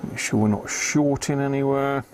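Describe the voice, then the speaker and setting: An amateur radio hobbyist runs a live repair stream, his medium-pitched voice fairly even and at normal speed. He mutters to himself while concentrating on fiddly electronics work, giving casual commentary over clear background noise.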